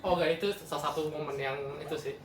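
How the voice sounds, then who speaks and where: A man's voice: a little high, steady tone, fast talker, crowd noise. A man with a Jakarta Indonesian accent who cannot roll his r, saying it like a w, chatting casually and mixing in English words. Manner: mixes English words into speech. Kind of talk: casual group chat. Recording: roomy echo, distant mic, faint noise.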